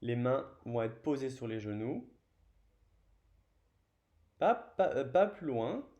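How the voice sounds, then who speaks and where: Calm French male yoga instructor, unhurried delivery, warm dark timbre. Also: mid-range voice, muffled recording. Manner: slow, calm cueing of breath and movement. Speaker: yoga teacher. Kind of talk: guided yoga class instruction.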